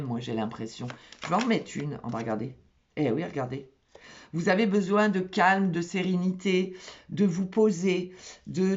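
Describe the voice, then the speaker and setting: A woman's voice: on the low side, a little mellow, dull audio. A woman giving a casual tarot reading for zodiac signs, chatty and repetitive, often checking in with her listeners. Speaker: tarot card reader.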